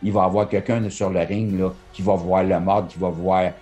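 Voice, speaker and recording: A man in his sixties with a Québécois accent, a boxing promoter presenting each fight and the fighters' records in a brisk, matter-of-fact way, filmed close-up on a webcam in his office. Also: low voice, level tone, warm tone, soft background music. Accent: Québécois French. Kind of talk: fight card announcement. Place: office with posters, indoors. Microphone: phone or webcam close to the face.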